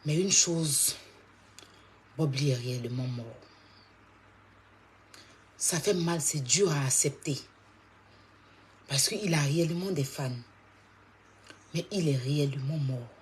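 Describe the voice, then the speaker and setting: A woman's voice: low-pitched, lively intonation, takes it slowly, long pauses, dark tone, slight background noise. A woman hosting a live stream, talking straight to her viewers and repeating her points insistently.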